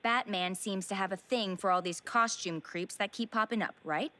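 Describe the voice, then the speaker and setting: Lady doing a confident young psychologist, poised, mid-pitched, cartoon drama. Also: normal speed, sharp tone, natural voice. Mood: analytical. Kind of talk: animated crime drama acting.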